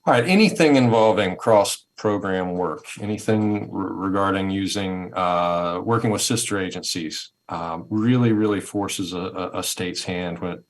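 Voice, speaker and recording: A man with a low, deep voice presents on a webinar over a video call. He speaks conversationally and thoughtfully, circling back and repeating words as he works toward each point. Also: normal speed, few pauses. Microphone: video call headset or laptop mic.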